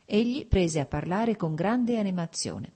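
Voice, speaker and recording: A woman narrating a classic novel as an audiobook, in an even, measured manner. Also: fairly low pitch, husky.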